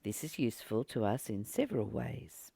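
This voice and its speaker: A spiritual teacher who hosts her own channel reads passages aloud and offers reflective commentary, her low voice creaky, slightly rough, and carried by a lively, swinging melody. She speaks deliberately, pausing and repeating phrases to stress them. The sound is close and dry, with no room audible.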